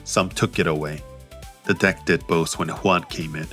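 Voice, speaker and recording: A man with a low voice narrates an audiobook in a steady, crisp, measured manner, with soft music faintly underneath.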